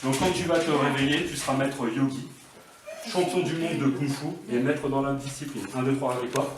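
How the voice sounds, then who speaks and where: A man working as a stage hypnotist, giving calm, repeated commands and suggestions. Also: mid-range voice, fairly quick, crowd noise. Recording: roomy echo, distant mic, loud background noise.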